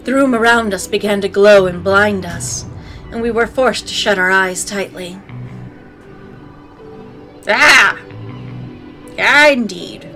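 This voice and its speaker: A woman's voice: medium pitch, moderate pace, fairly bright tone, poor audio. A woman hosting a let's play, reading game narration aloud with playful, sassy commentary. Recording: faint game music behind. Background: game music.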